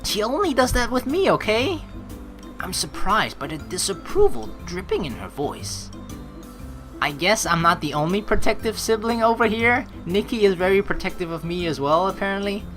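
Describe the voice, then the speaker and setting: Soft music plays in the background as a woman with a mid-range voice hosts a let's play at a moderate pace. She reads out the story narration and reacts with excitable, animated commentary.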